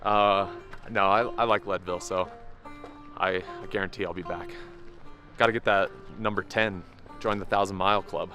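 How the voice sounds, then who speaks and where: A man's voice: low-pitched, fairly even intonation, moderate pace, bright, forceful tone, faint music behind. A man giving a casual, self-deprecating recap of a bike race outdoors, a bit out of breath, with lots of fillers. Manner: laid-back, self-deprecating, many fillers. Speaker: pro mountain bike racer, vlog host.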